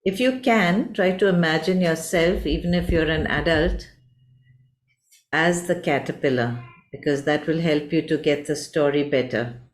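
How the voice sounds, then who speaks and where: A woman telling a gentle story for families, slowly and tenderly addressing the listener directly. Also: low-pitched. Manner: slow, warm, addressing the listener as you.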